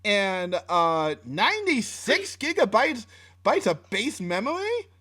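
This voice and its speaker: High-voiced and slow, with big pitch swings and a sharp tone, a man co-hosts a relaxed tech podcast over a little hiss or hum. He chats casually through specs, full of fillers and restarts, easygoing and swearing mildly.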